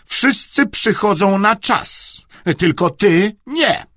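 A man voicing a sharp-tongued, scolding middle-aged aunt in an audiobook story, with a cutting, reproachful manner. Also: high-pitched, animated, slow, no echo, studio quality, voice pushed up, full character voice. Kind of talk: audiobook reading.

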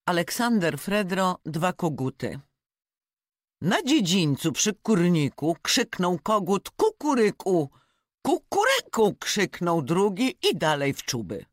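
A reader reciting rhyming fables aloud in an expressive, rhythmic way. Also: mid-range voice, takes it slowly, no room sound, studio quality. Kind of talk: reading verse fables aloud.

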